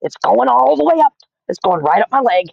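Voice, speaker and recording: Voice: mid-range voice, very animated, brisk, creaky, no room sound, dull audio, pitched above the performer's own voice, exaggerated voice. A reader voicing a grown man, a kitchen cook, screaming in hysterical panic. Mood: panicked. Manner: shrieking, frantic.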